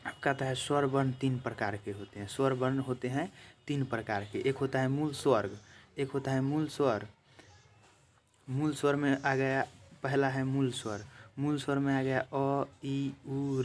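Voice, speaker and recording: Man teaching a grammar lesson. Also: mid-range voice. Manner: repeats definitions slowly, addresses viewers as friends. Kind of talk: exam-prep grammar lesson. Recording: faint background noise.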